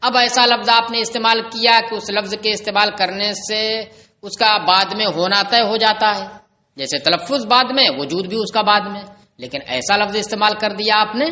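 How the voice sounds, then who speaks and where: Lively high-voiced male teacher in a hall. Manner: explains step by step, asks the class check questions. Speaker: teacher of Islamic jurisprudence. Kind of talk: classroom lecture explaining a legal text.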